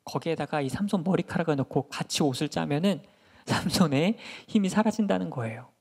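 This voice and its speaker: A man, a children's pastor, telling a Bible story in a lively sermon and asking the children questions. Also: on the high side, a little fast, creaky, slightly rough. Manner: animated, asks children questions.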